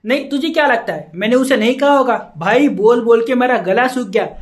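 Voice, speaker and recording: A man's voice: very high voice, fairly quick. A man playing a frustrated young boyfriend who rants and badgers his friend with repeated questions in a comedy sketch. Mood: complaining. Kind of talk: Hindi comedy sketch dialogue.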